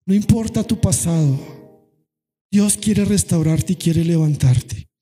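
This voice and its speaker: A man preaching as a pastor, swinging between soft pleading and loud shouted lines, sometimes half-singing his phrases. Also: a little high, measured pace, husky. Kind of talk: sermon. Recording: long hall reverb with faint music.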